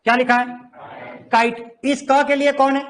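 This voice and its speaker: A man with a strikingly high voice teaches to a class. He keeps firing rhetorical questions and drilling his students to read each word aloud. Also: flat delivery, a little slow, a bit bright. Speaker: Hindi teacher. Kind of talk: classroom lesson.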